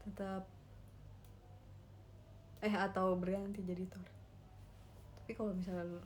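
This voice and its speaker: A woman's voice: medium pitch, a little hiss or hum. A young woman hosting a casual solo livestream from her room on a phone, chatting emotionally and animatedly with lots of fillers. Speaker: idol livestream host.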